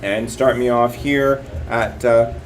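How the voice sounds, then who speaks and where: A man's voice: medium pitch, fairly even intonation, slow pace. A man working as a live auctioneer, calling bids and increments in repetitive, clipped patter.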